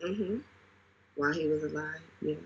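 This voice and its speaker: A man's voice: on the high side, normal speed, fairly bright tone, husky. A man in casual conversation, retelling events dramatically with emphatic repetition. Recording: dull lo-fi audio.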